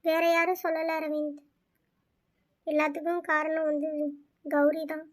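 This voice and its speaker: A worried young woman in a cartoon story, voiced by a woman, sharing a secret and begging that it be kept. She talks earnestly in a very high voice. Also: flat delivery, a little slow. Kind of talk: cartoon voice acting.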